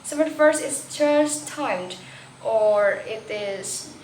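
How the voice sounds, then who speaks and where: Young woman, student presenter, slightly high voice, hesitant restarts, echoey room with a faint background hiss. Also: lively intonation. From Indonesia. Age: young adult. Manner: slow, careful reading with hesitant restarts. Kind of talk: reading a class presentation.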